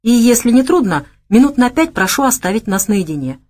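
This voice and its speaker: A woman reading a deadpan male fighter. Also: on the high side, a little fast, pitched above the performer's own voice. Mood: earnest. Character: tough male fighter, dry humor.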